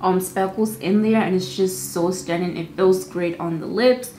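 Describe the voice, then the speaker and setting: A young woman with a fairly low, darkish, steady voice talks casually about beauty products to camera from an indoor home studio. She comes across bubbly and chatty, slipping in fast asides. There's faint ambience in the roomy space and a little hiss or hum.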